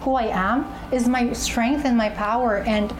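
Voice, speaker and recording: A young woman, an actress and pageant contestant, candidly recounting her personal journey in an interview, often pausing to find her words. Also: fairly high pitch, steady tone, noisy background. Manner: candid, searching for words with fillers and restarts. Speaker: interviewee, actress and beauty queen. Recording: music bed underneath.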